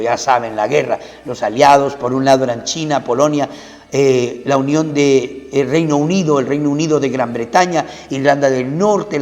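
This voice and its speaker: A man's voice: fairly high pitch, darkish tone. A male pastor preaching a sermon in a lecturing way, asking rhetorical questions and answering them himself. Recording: long hall reverb.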